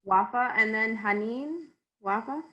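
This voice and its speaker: A woman's voice: fairly high pitch, measured pace, pushed and bright, dull audio. A woman moderating a video call, calling on people by name and chatting casually. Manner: friendly, apologetic, calls names.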